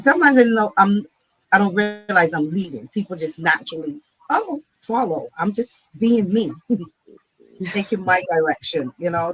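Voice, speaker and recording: This woman's voice is lowish and husky, with no echo but poor audio. She is a nonprofit CEO from Barbados, a guest in a conversational interview who reflects aloud and often asks "right?".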